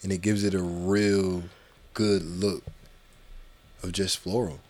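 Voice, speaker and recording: Laid-back low-voiced man chatting. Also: level tone, takes it slowly, darkish tone. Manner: laid-back, joking, swears freely. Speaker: podcast co-host. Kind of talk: casual podcast chat.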